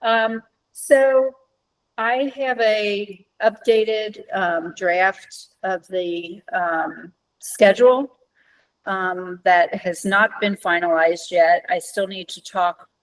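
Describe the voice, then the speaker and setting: A woman discussing event planning informally at a meeting, halting often to find her words. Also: medium pitch, steady tone, low-quality recording. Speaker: event organizer at a board meeting.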